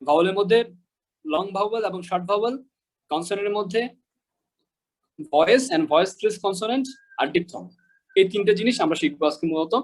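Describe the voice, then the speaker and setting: A man from Bangladesh gives an online pronunciation lesson in a fairly high voice. He repeats example words with patience and keeps checking that his listeners follow. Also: lively intonation, a little fast, pauses often, rough recording. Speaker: English pronunciation teacher.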